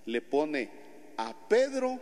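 A priest with a Mexican Spanish accent preaching a homily in a church, telling stories with lively acted-out scenes. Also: male voice, a little high, slow. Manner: animated storytelling, acts out scenes. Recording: long church reverb.

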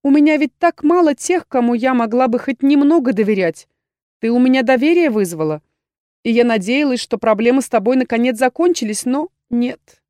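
A woman's voice: a little high, brisk, a little mellow, dry recording, studio quality, lightly acted. A woman voicing a young female necromancer student who complains dramatically and theatrically. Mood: plaintive. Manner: exasperated, theatrical lamenting. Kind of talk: audiobook character voice.

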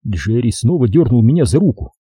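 A man narrating a detective novel in the first person, measured and expressive. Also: mid-range voice, breathy edge, dry recording, studio quality. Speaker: audiobook narrator.

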